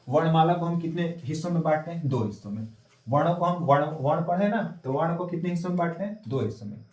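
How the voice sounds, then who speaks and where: A male teacher lectures a class in a roomy, echoing classroom, with his voice picked up from across the room. His pitch sits a little high for a man. He fires questions at his students and answers them himself in a quieter, lower tone. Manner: repeats key words and quizzes students; drops low and soft to answer his own questions. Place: classroom with a board. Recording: echoey classroom, voice from a distance.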